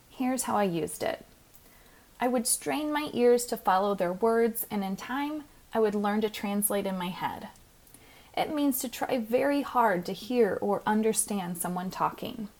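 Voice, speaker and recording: A woman hosting a podcast lesson, speaking in a clear, measured teaching manner as a pronunciation coach. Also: a little high, darkish tone. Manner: clear, measured teaching delivery, slows to spell out words.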